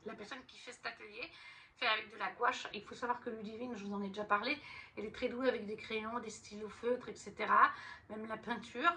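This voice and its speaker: A woman's voice: a little high, steady tone, fairly quick, bright, forceful tone, recorded from a distance, a little hiss or hum. A woman chatting casually about her books as a vlogger, rambling with fillers and restarts. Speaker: book vlogger. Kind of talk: casual chat.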